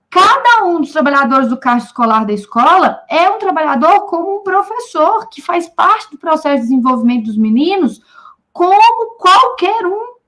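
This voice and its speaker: A woman with a high, bright-pitched voice gives an informal, lively talk to a room of teachers. She turns straight to her listeners again and again and slips into short bits of staffroom dialogue to make her points. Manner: animated, speaks straight to listeners. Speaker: researcher speaking at a teachers' union debate.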